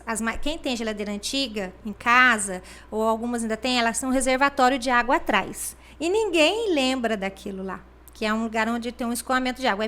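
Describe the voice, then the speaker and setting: A Brazilian woman with a high, bright and forceful voice explains things as a guest in an interview, where she serves as regional health superintendent. She leans on fillers like "né" and acts out the people she quotes.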